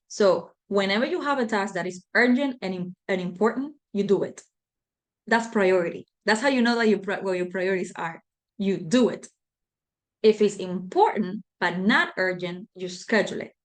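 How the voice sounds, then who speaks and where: Woman teaching a leadership class, chatty, lots of um and you know. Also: medium pitch. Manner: conversational, filler-heavy, repeats herself. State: out of breath. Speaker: leadership trainer. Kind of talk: live online class.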